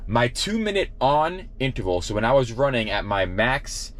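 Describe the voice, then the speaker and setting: A man's voice: medium pitch, big pitch swings, moderate pace, a bit bright. A man giving an informal vlog recap, often correcting himself as he explains. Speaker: running vlogger and shoe reviewer. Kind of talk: casual workout recap to camera.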